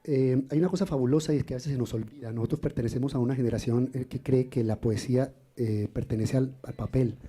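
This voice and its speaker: Man, husky, explains poetry and rhythm, café talk. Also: medium pitch, fast talker, few pauses, dark tone. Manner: explanatory, chants rhythm syllables. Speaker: singer and poet, guest. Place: café event in Cali.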